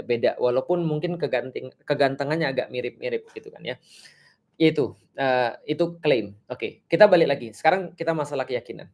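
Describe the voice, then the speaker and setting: A man from Indonesia giving an animated explanatory talk in a religious discussion, acting out short exchanges and laughing at his own jokes. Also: fairly high pitch.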